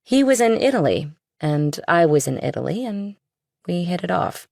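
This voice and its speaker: A woman with a lowish voice, big pitch swings, vocal fry and a slightly mellow tone talks at normal speed in an exaggerated manner. The recording is dry and studio-clean. Voicing an audiobook character, the guarded, pointed, worldly young girlfriend of a rich older man, she sounds breezy, casual and direct.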